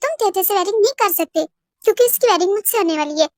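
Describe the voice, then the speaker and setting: A woman's voice: extremely high pitch, expressive, fast talker, no echo, clean studio sound. A woman doing an impatient young man. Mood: angry. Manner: sharp and exasperated. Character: young man, impatient protective twin brother.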